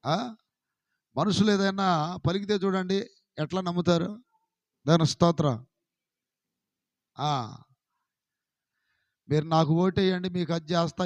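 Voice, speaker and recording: A high-pitched man with a Telugu accent preaching with fervor, his voice booming and trailing off in a large hall. The recording is dull and lo-fi, with long reverb behind every line. He drives home his points by repeating them, rising to shouts and then falling quiet. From India. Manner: impassioned, repetitive preaching with rising shouts and sudden drops. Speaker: pastor. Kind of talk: sermon.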